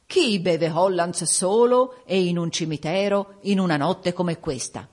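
A woman's voice: on the low side, unhurried, a little mellow. A woman voicing a mocking, grinning old male ghost who questions a gravedigger brusquely.

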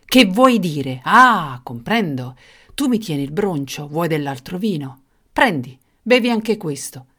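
A woman voicing a cruel, mocking male king who booms and shouts. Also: animated, moderate pace. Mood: furious. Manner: booming, jeering, shouting.

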